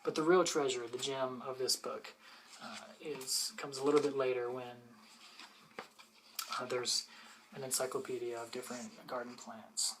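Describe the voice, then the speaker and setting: A person doing an ASMR role-play as a patient, bookish librarian, softly and hesitantly explaining books to a visitor in a unhurried library soft voice. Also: mid-range voice, steady tone, background noise. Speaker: librarian showing gardening books.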